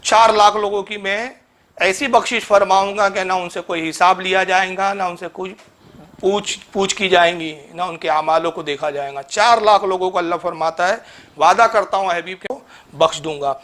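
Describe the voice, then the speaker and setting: An Islamic cleric delivers a polemical religious lecture, reproachfully addressing his opponent and chanting Arabic verses. His voice is high and fairly bright, with fairly even intonation at normal speed.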